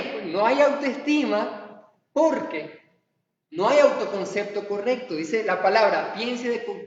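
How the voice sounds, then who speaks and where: High-voiced preacher in an echoey hall. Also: male voice. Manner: animated, acts out quoted dialogue. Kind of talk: sermon. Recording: echoey hall, far from mic, dull lo-fi sound.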